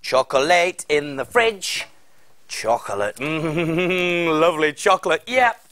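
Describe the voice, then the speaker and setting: A man's voice: on the high side, expressive, slow, a bit bright. An actor in his thirties playing a friendly, enthusiastic big cook in an exaggerated children's TV presenting style. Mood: playful. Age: 30s. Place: TV studio kitchen set.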